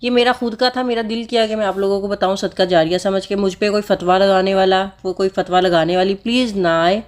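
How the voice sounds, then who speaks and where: A woman's voice: mid-range voice, steady tone, fairly quick. A woman vlogger with school-age children, earnestly explaining a personal practice to viewers in a casual, repetitive, instructive way. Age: adult with school-age children. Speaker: vlogger sharing personal religious advice. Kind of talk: casual heartfelt talk to viewers.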